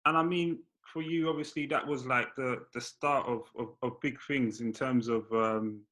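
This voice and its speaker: Man, interviewer, casual, meandering questions, ordinary pitch. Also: fairly even intonation, normal speed, fairly bright tone, low-quality recording. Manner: rambling, hesitant questions with fillers.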